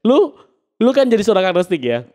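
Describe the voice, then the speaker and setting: A man's voice: high voice, big pitch swings, a little fast, dark tone. Probing man hosting a podcast. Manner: probing, affirms often with "oke". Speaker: podcast host. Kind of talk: casual podcast interview.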